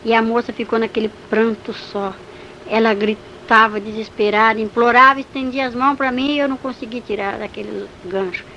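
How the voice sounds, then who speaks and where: Higher-voiced woman giving a vivid testimony. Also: steady tone, a little fast, bright, forceful tone, dull audio, slight background noise. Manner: vivid storytelling, emotional. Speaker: church testimony speaker. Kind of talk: religious testimony.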